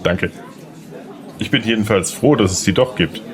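In a German audio drama, a man with a lowish, everyday-sounding voice plays a young lawyer who is polite, a bit unsure and charming. He speaks at a moderate pace in a friendly, charming mood.

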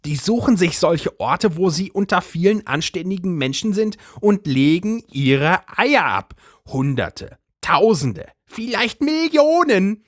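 A man puts on the voice of a storybook's indignant middle-aged housewife, shrill and bossy, certain there's a conspiracy and endlessly nagging her husband. He pitches it far above a man's voice, leaping wildly, exaggerated and very animated. It's recorded close and dry with no room sound.

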